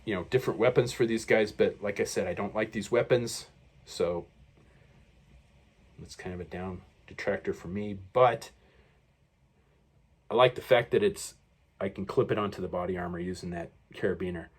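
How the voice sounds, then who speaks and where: A man with a slightly low voice talks through a toy unboxing at his desk. He rambles in a casual way, stops to correct himself and fills the gaps with ums and uhs. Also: normal speed, long pauses, slightly rough. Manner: rambling, many fillers and self-corrections. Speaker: toy reviewer.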